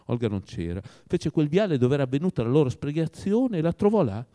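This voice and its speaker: Expressive male audiobook narrator. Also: fairly high pitch, fairly quick. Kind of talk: audiobook narration of a classic novel.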